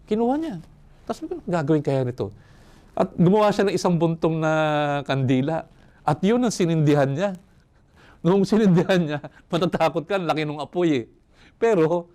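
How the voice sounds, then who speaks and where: A man's voice: fairly high pitch, a little mellow. An older man from Manila, a priest giving a reflective retreat sermon, speaking conversationally with chuckles and tag questions. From Manila, Philippines. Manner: conversational, chuckles and asks "no?" often. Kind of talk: reflective sermon with personal stories.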